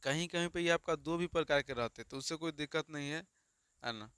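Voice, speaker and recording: A man's voice: on the high side, brisk, fairly bright tone, smooth, dry recording, clean studio sound. A man teaching a grammar lesson, asking and answering his own questions over and over. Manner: repetitive call-and-response questioning.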